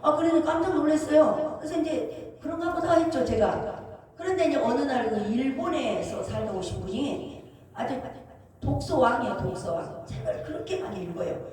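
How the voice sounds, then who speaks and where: A woman who directs a prayer house, giving an animated testimony sermon and acting out dialogues with frequent laughter. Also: sits high, normal speed. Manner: animated storytelling, acts out dialogues, laughs often. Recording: echoey hall from far off.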